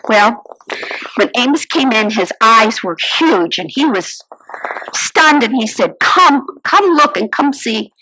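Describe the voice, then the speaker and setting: Sighing, exclaiming, and kvetching, a woman performs a theatrical first-person monologue as a fretful, business-minded innkeeper's wife. Her voice runs on the high side, animated and slow with a sharp tone and heavy acting, in a rough recording with a little hiss or hum.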